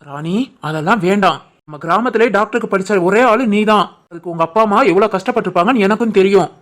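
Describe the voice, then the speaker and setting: A woman voicing a protective young village husband in an animated family drama, firm and commanding, with a southern Tamil Nadu village dialect. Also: mid-range voice, quick pace, voice pushed down, natural voice.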